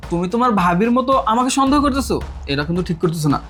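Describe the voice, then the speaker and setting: A man's voice: sits high, expressive, very fast, fairly bright tone, faint music behind. An actor playing an evasive young husband in a TV family drama, placating and pleading with his wife. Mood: wounded. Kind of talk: Bangla TV drama acting.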